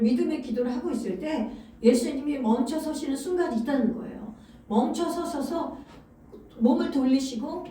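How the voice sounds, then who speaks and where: A woman's voice: high-pitched, dark tone, slight background noise. A middle-aged woman pastor preaching a fervent sermon, firing rhetorical questions at her congregation. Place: church sanctuary. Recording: echoey hall, voice from a distance.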